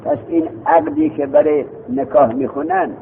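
A man leads a seminary grammar lesson, quizzing students and echoing their answers in a lively, gravelly voice that sits a little high. The sound is thin and tinny, like a phone recording. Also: slight background noise. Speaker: teacher.

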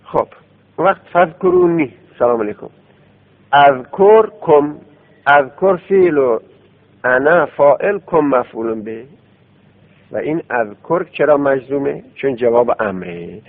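A man's voice: medium pitch, lively intonation. A man teaching Arabic grammar in a classroom lesson. He explains step by step and repeats words in drills. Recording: tinny phone-like radio recording.

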